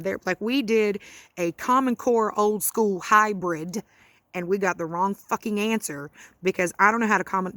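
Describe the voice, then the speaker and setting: A woman's voice: on the low side, a bit bright, no echo. A woman venting in a casual vlog about home-schooling her child, exasperated and self-mocking, swearing freely as she talks from her porch. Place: outdoors on a porch.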